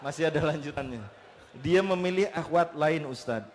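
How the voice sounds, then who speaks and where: A man reading an audience question to the preacher, haltingly with small fillers. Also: on the high side, slight background noise.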